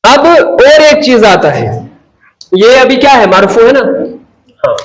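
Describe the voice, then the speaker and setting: A man's voice: very high-pitched, very animated, slow pace, roomy sound, low-quality recording. A man teaching Arabic grammar in a classroom lesson, who keeps asking and answering his own questions and repeating key terms. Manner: mixes Hindi-Urdu with English terms.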